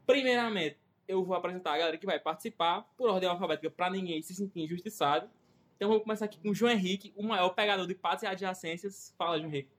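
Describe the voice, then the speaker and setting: A fast-talking, high-pitched man hosting. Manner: energetic and hurried, slangy. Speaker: podcast host introducing the crew. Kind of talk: casual podcast banter.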